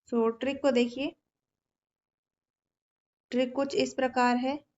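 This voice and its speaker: High-voiced woman teaching slowly. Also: flat delivery, a little mellow, lo-fi sound. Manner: explains patiently, repeats words, checks in often. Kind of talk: exam-prep lesson with memory tricks.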